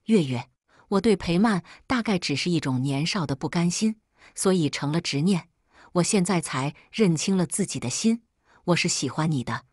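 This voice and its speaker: Woman doing a hoarse sad young guy pleading, low husky voice, audiobook drama. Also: animated, normal speed, darkish tone, no echo, clean studio sound. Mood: anguished. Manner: pleading, broken. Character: remorseful young man pleading, hoarse from smoking.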